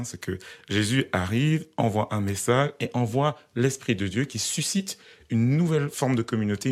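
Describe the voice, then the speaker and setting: A man hosting a conversation, telling a story in a measured, hesitant way. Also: mid-range voice, a little mellow.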